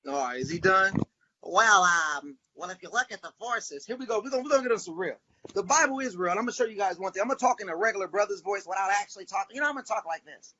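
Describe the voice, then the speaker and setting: A man holds forth in a heated debate, preachy and mocking. His voice is bright and rough. The call audio sounds muffled and lo-fi. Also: high voice, animated. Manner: preachy, mocking, reads scripture slowly.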